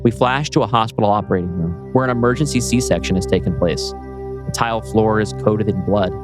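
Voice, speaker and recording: With music underneath, the writer of a screenplay reads it aloud dramatically in a fairly low voice at a fairly quick pace. He lays out the stage directions and scene changes as he goes.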